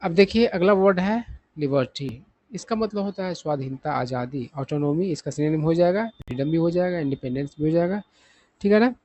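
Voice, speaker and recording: A man's voice: on the high side, fairly quick, a little mellow, no echo. A man teaching English vocabulary in Hindi, often checking in with his listeners and asking questions that he then answers himself. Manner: repeats "ठीक है ना" as a check-in. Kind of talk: vocabulary lesson explained in Hindi.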